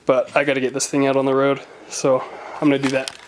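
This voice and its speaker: A young man narrates his own car project in a loose, casual vlog voice. He sounds excited and pokes fun at himself. A faint hiss of noise sits behind him. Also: mid-range voice, fast talker. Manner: excited, casual, self-mocking. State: out of breath. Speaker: car vlogger.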